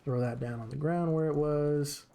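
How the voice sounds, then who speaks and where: A man's voice: a little high, normal speed, vocal fry, warm tone. A man streaming a game with casual commentary, chatting to his characters as he plays.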